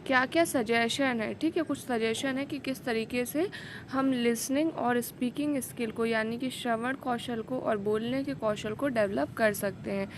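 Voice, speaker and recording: A woman's voice: on the high side, normal speed, background noise. A woman teaching a pedagogy lesson for teacher exams, explaining points and often checking in with "okay". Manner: explains in Hindi mixed with English terms, frequent "ठीक है" check-ins. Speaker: teacher exam coach. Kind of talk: pedagogy lecture.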